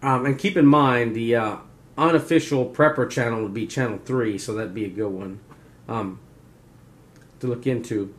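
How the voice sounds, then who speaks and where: A survival and preparedness video host explains things in a casual, unscripted, folksy way, rambling and often checking in with "right?". His voice sits in the mid range at a normal speed.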